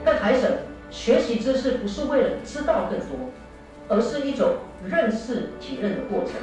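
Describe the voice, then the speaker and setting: A woman's voice: a little high, animated, normal speed. Echoey Taiwanese Mandarin woman over music. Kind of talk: earnest scripted narration. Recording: distant echoey playback with music.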